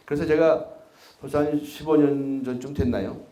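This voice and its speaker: A middle-aged man giving a public lecture, telling stories and putting questions to his audience, sometimes quiet and sometimes loud. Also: fairly high pitch, fairly even intonation, moderate pace. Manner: storytelling, asks the audience questions, wide swings in loudness. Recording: echoey hall.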